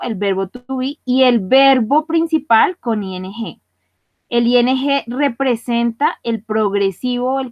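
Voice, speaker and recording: A woman teacher with a fairly high voice runs an online English class, explaining grammar step by step and pausing often to check that her students follow. The audio is a little muffled and dull, with a dry close sound and no room around it. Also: no room sound. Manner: patient, checks understanding often. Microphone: computer mic for online class.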